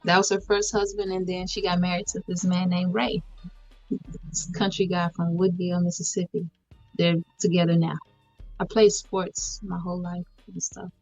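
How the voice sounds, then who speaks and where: A woman in her thirties from Houston, a podcast guest speaking in a measured, thoughtful way with many fillers. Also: fairly low pitch, little pitch movement, a little mellow, no room sound, soft background music. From Houston, Texas, US. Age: 30s. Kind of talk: casual podcast interview. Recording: dull lo-fi recording.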